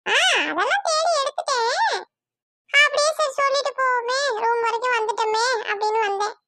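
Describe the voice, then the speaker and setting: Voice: very high voice, moderate pace, sharp tone, no room sound, studio quality, heavily acted. A voice artist playing a playful young man in a cartoon, speaking in a teasing, sing-song way. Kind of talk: cartoon voice acting.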